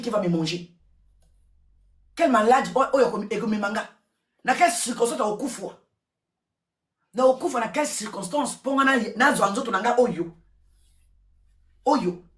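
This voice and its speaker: A woman giving casual gossip commentary, repeating words and switching languages in an excitable way. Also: a little high. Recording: roomy echo, distant from mic.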